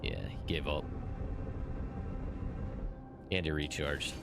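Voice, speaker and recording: A man's voice: a bass voice, big pitch swings, takes it slowly, vocal fry, loud music behind the voice. A man chatting casually as he livestreams a game. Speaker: livestreaming gamer. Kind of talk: casual gaming chat.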